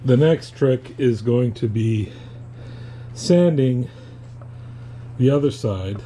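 A man explaining a woodworking project in a casual, unhurried how-to manner, with fillers as he goes, recorded in a home shop. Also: mid-range voice, dark tone, a little hiss or hum. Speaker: woodworking hobbyist.

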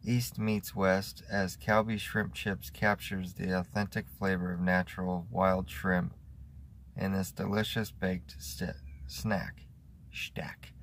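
A man in his thirties giving a casual, halting, low-key snack review to camera. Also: level tone, a bit bright. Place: inside a parked car. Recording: noisy car interior phone recording.

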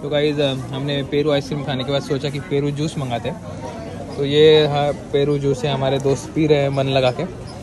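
A man's voice: medium pitch, little pitch movement, moderate pace, a crowd in the background. A young man talking casually as a food vlogger at an outdoor garden restaurant, chatty and upbeat, with many fillers and English words mixed in. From India. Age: young adult.

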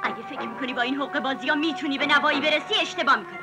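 A woman's voice: high-pitched, over music, natural voice. A woman playing a domineering wealthy mother in a dubbed 1970s film, commanding and scornful.

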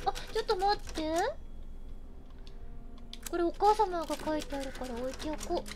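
A woman's voice: extremely high pitch, lively intonation, moderate pace, background noise. A young woman streaming a horror game, chatting in a playful, mock-aristocratic lady manner with dramatic outbursts. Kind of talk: casual game-stream commentary. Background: game music.

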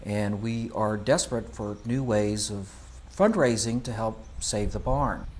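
A man giving an earnest, measured documentary interview on behalf of a museum. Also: lowish voice, a little mellow. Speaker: museum representative.

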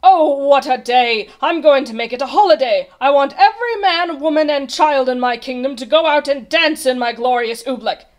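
A greedy, imperious storybook king, acted out by a woman. The voice is loud and high, exclaiming excitedly and ordering people about. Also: moderate pace, few pauses, close to an everyday voice. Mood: jubilant. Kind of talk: storybook character voice.

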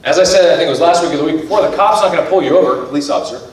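A man's voice: fairly high pitch, rapid-fire, heavy reverb, distant mic, low-quality recording. A man preaching a sermon as pastor of a church, talking in a conversational way and acting out everyday voices. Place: church sanctuary.

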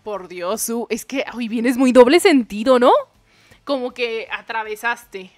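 Chatty woman streamer, slightly high. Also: a little slow, a little mellow, no echo, soft background music. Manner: reads game dialogue aloud and reacts with jokes to chat. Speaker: streamer playing a dating game. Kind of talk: live game commentary.

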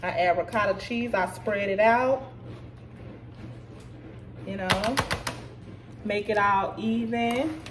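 A woman's voice: mid-range voice, slow, pauses often. Woman, tipsy, chatty cooking walkthrough, home kitchen, distant camera mic, noticeable room noise. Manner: chatty, talks to viewers as "y'all". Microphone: camera set back at counter.

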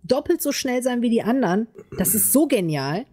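A woman's voice: fairly high pitch, normal speed. Chatty, giggly woman gamer. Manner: chatty, giggly, lively storytelling. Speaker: gamer playing online with friends. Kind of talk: casual let's-play chat.

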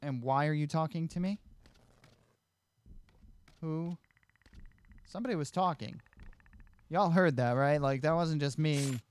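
Slow-paced young man, casual game commentary. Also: on the high side, smooth. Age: young adult. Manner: reacting aloud to the game, mild exclamations. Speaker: let's play host. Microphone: headset.

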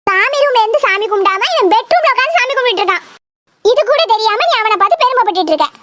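A very high, squeaky cartoon girl, as a voice actor puts her on, a sharp little tattletale who accuses and schemes against her brother. A faint hiss sits under the voice. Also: animated, fast, heavily acted. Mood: accusing. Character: sharp-tongued tattletale girl, younger sister. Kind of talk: Tamil cartoon comedy voice acting.

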